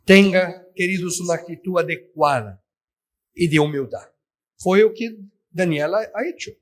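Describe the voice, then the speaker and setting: Male preacher, high voice, emphatic sermon delivery. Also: a little slow. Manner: emphatic, addresses listeners as "queridos". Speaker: pastor.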